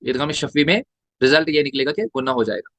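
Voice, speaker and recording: A man teaching Quran recitation runs through a tajweed lesson at a quick pace, his mid-range voice fairly bright. He spells out letters and vowel marks one by one, questioning and answering himself, with no room sound audible.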